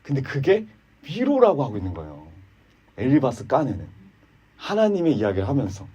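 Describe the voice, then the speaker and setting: A man preaching a sermon in a church, swinging between emphatic high peaks and low quiet asides, mocking the people he quotes. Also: fairly quick, slightly rough, dull audio. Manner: animated, rising to emphatic peaks then dropping low and quiet; voices quoted speakers in a mocking, sarcastic tone.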